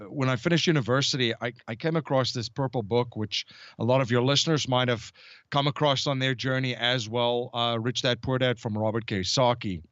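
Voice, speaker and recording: A South African man in his thirties, a guest in an interview, telling his story haltingly with many fillers. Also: mid-range voice, fairly bright tone, no room sound, lo-fi sound. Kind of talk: conversational interview.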